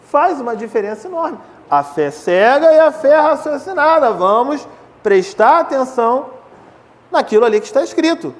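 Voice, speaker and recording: A man's voice: very high-pitched, very animated, moderate pace, in a large hall. A Brazilian man giving a spiritist lecture on the Bible, talking conversationally and asking his audience rhetorical questions. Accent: Brazilian Portuguese. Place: lecture hall of a charitable spiritist center.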